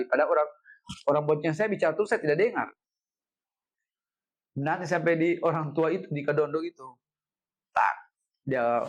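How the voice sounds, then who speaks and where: Animated middle-aged man. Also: on the high side. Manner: animated, repeats phrases, ends with "Pak". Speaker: head of city education office, guest. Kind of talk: casual storytelling in an interview.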